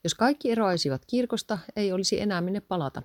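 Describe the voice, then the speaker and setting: A woman reading aloud and voicing a patient wife who calmly reasons and adds up sums. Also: mid-range voice, dry recording, clean studio sound, lightly acted. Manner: calm, persistent, counting sums aloud.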